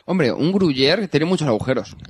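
A man's voice: fairly high pitch, expressive, moderate pace, a little mellow, slightly rough, no room sound. A man on a comedy podcast, making dry teasing remarks and explaining things with hesitations. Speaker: podcast co-host. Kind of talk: casual comedic chat.

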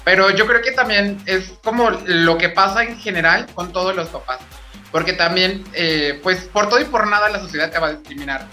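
High, very bright Mexican man. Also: moderate pace, faint music behind. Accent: Mexican Spanish. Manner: earnest, repeats himself while searching for words. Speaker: podcast guest. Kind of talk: casual panel discussion.

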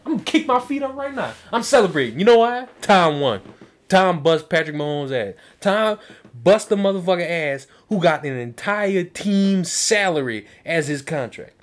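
A man hosting a podcast, loud and boastful, trash-talking and swearing in casual banter with friends in a room. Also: high-pitched, sing-song, normal speed. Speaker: podcast host.

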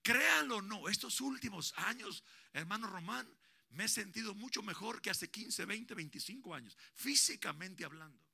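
A man in his sixties preaching a sermon at a church service, swinging from hushed tender talk to shouted preaching. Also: high voice, animated, normal speed. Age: 60s. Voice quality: gravelly. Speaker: pastor. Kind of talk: Pentecostal-style preaching.

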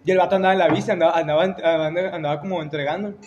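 A young man with a Mexican Spanish accent chatting casually, slangy and quick to laugh. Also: on the high side, steady tone, darkish tone, lo-fi sound, slight background noise. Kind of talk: casual chat.

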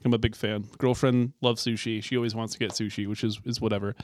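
A man's voice: fairly low pitch, level tone, fast. A young man co-hosting a podcast, talking in a laid-back, profane casual style. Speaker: podcast co-host. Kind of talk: casual chat.

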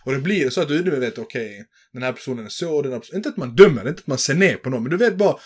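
A man in casual conversation, animated and laughing often, thinking aloud with many fillers. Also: mid-range voice, husky. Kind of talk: casual chat.

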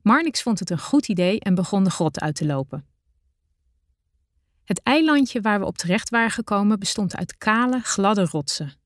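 A woman narrating her own adventure story in the first person, with a measured, deliberate reading style. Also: mid-range voice, lively intonation, no echo, clean studio sound.

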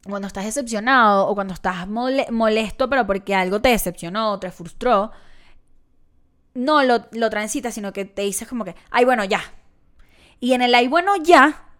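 Venezuelan woman podcaster, young, chatty and self-mocking, smooth clear voice, mid pitch. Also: normal speed, fairly bright tone. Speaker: podcast host and comedian. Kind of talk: casual solo podcast monologue.

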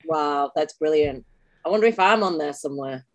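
A woman's voice: low-pitched, lively intonation, moderate pace, dry recording. A woman in her forties with a Mancunian accent, an actress chatting as a podcast guest, enthusiastic and laughing often. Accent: Mancunian English. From Manchester, England. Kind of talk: casual interview chat.

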